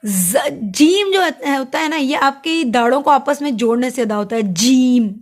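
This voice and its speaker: A woman teaching Quran recitation rules, explaining each letter and drawing out the words slowly. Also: high-pitched, expressive. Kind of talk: tajweed lesson with recitation.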